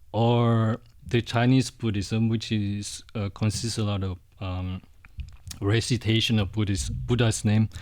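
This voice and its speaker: A middle-aged Indonesian Buddhist monk answers interview questions softly and hesitantly, often restarting his sentences. His voice is medium in pitch.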